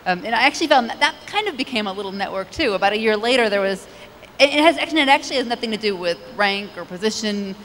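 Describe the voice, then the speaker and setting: A woman's voice: medium pitch, expressive, quick pace, fairly bright tone. A woman in her thirties answering questions on a conference panel, conversational with frequent restarts, into a handheld mic. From United States. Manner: conversational, many restarts and "you know". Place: large conference stage. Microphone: handheld microphone. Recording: stage hall with long reverb, faint noise.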